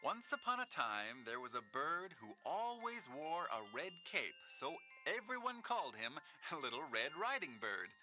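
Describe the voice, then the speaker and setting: A man playing an expressive narrator of a children's storybook. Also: a little high, a little slow, few pauses, over music. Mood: storytelling. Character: animated male storybook narrator.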